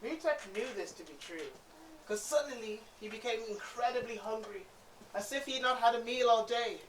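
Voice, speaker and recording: A woman telling a fairy tale in a gentle storyteller manner. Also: a little high, moderate pace. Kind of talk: expressive storytelling. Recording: roomy, distant, faint noise.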